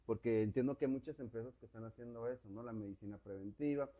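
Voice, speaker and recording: A Mexican man hosting an interview, asking long, winding questions and reworking them midway in loose, slangy talk. His voice sits at a middle pitch, and the recording sounds dull and lo-fi. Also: fast talker. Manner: asks long rambling questions, rephrases mid-question, casual slang. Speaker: host. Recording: dull lo-fi audio.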